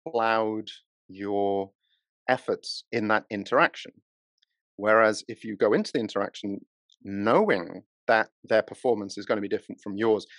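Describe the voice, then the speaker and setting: A university researcher in Japan explains his work during a conversational interview, speaking academically and often restarting his sentences. His voice is on the low side and a bit bright, and the recording has no echo.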